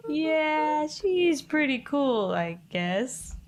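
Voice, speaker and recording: A woman's voice: high voice, big pitch swings, very slow, pitched above the performer's own voice, heavily acted. A woman reading the lines of an earnest young boy hero in her own voice.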